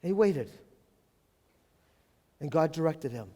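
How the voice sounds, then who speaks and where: A pastor preaching a sermon in a church, emphatic, repeating key phrases and swinging from loud to hushed. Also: male voice, on the high side, animated, slow. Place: church sanctuary. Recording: long hall reverb of a church.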